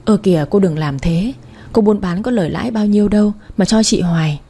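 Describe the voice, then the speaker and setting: Timid worn-down young mom, soft and resigned, woman voicing her, husky. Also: medium pitch, a little fast. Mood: meek. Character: meek downtrodden sister-in-law, resigned mother.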